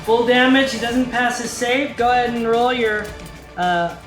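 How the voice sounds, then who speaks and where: Woman game master, commanding and brisk, narrating tabletop combat; echoey space, music clearly behind. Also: on the high side. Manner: brisk, commanding calls of rules and countdowns.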